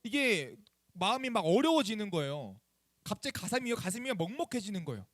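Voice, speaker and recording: A young man preaches to teenagers as their youth pastor, telling a personal story in a chatty, animated way and asking the students questions. His voice sits high and moves a little fast. The recording is dry, with clean studio sound, fitting a lively youth sermon built on storytelling.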